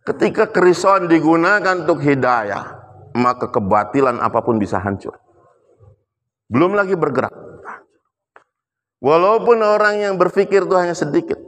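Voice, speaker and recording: A man preaching a sermon in a mosque, emphatic, often asking his listeners rhetorical questions. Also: a little high. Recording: echoey mosque hall.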